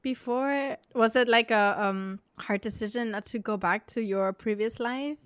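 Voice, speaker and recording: A woman's voice: a little high, a little slow, clean tone, no echo. Curious woman podcast host, dry sound. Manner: curious, frequent listening sounds. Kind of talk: casual interview.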